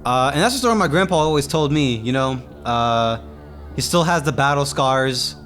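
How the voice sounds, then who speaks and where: A man's voice: mid-range voice, lively intonation, moderate pace, a bit bright, soft background music. A man wrapping up a story in a TV studio, hesitant and full of "uh" and "you know". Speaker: community storyteller. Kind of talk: casual storytelling wrap-up. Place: community TV studio.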